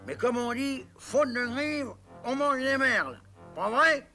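A man's voice: very high voice, expressive, slow pace, bright, forceful tone, faint music behind, exaggerated voice. A man voicing a greedy, grumbling animal boss in a children's puppet film. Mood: bossy.

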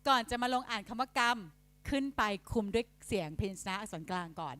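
A woman trainer speaking politely to teachers, sounding out letters and syllables slowly to demonstrate. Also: on the high side, animated, dry recording. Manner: polite, frequent soft tag particles. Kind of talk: instructional talk to teachers.

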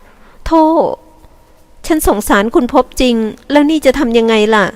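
A woman's voice: on the high side, a little slow, long reverb tail, natural voice. A woman voicing a kind young woman who sighs with sympathy and is eager to help, in an audiobook. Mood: sympathetic.

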